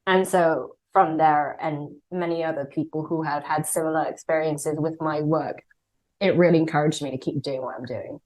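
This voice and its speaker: A woman's voice: sits low, fairly even intonation, normal speed, a little mellow. A woman who is a singer and songwriter, talking thoughtfully and earnestly as a podcast guest. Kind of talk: casual podcast interview.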